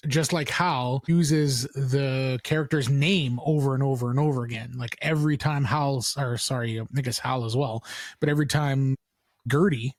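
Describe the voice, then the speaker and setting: A podcast host talking in a loose, easygoing way, with lots of "like" and restarts as he thinks aloud. His voice sits at an ordinary middle pitch for a man. The sound is dry and close. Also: moderate pace, no echo. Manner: relaxed, filler-heavy with frequent restarts. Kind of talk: casual podcast chat.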